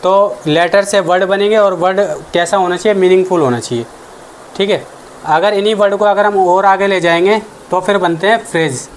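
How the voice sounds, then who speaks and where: A man's voice: high voice, moderate pace, a little hiss or hum. A man giving an exam-prep grammar lesson as the teacher, explaining step by step and answering his own questions. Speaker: English teacher.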